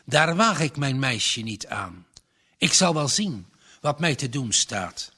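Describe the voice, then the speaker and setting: Man doing a calm earnest young guy, slow steady talk. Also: mid-range voice, breathy edge, exaggerated voice. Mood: firm. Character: earnest young farmer's son, calm, firm.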